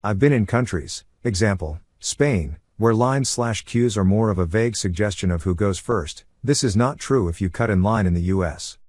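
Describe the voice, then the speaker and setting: A man reading online forum comments aloud in an even, matter-of-fact way as the narrator of a compilation. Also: on the low side, normal speed, hardly any pauses, dry recording, clean studio sound.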